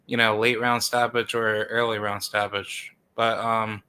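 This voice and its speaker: A man's voice: lowish voice, little pitch movement, measured pace, pushed and bright, clear, resonant tone. A man hosting a live stream interview, asking long rambling questions full of fillers. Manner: rambling, many fillers like "you know".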